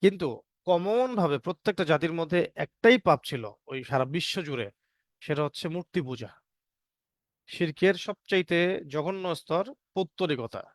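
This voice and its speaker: A man teaching a class from a book, pausing often with fillers, repeating phrases and reciting Arabic verses. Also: fairly high pitch, animated, dry recording, clean studio sound. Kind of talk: book-based religious lecture.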